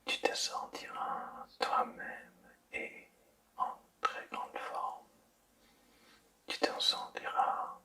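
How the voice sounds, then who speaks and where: A hushed, night-like whisper leads a listener toward sleep, the ASMR delivery slow, deliberate and soothing with long gaps. It was recorded roughly, from a faraway mic.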